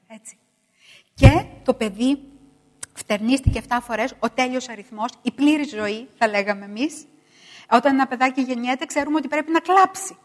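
A middle-aged woman preaching a sermon, emphatic and repetitive, swinging between loud stresses and hushed asides. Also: sits high, long reverb tail.

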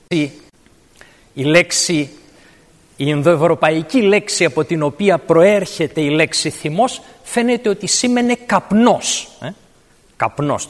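High-voiced man preaching in a reverberant hall. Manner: explanatory, verse by verse. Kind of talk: sermon. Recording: long reverb of a large hall.

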